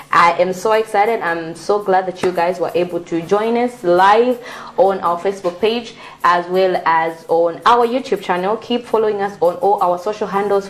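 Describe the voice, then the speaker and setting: A woman hosting a TV talk show, asking questions and then closing the show, thanking viewers and the crew. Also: lowish voice. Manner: frequent backchannel, upbeat sign-off thanking crew. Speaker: TV show host.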